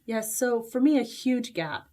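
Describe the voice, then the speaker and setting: A woman's voice: on the high side, animated, measured pace, warm tone. A woman from Costa Rica who grew up in Utah, a book author talking as a guest in a casual interview, with many fillers and restarts. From Costa Rica, raised in Utah.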